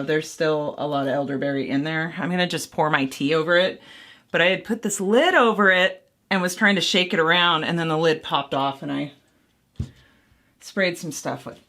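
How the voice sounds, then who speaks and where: A woman's voice: low voice, fairly bright tone. A woman making mead at home and casually talking the viewer through each step, rambling and poking fun at her own mistakes. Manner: rambling, self-deprecating, thinking aloud. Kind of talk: casual how-to vlog.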